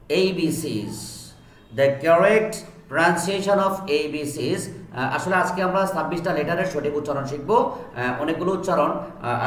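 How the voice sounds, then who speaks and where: A man with a somewhat high voice gives a slow, deliberate pronunciation lesson, repeating each letter sound several times. He slips English phrases into his explanations. The recording is echoey, with a faint hiss of room noise behind him. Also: fairly bright tone. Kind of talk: slow classroom-style tutorial.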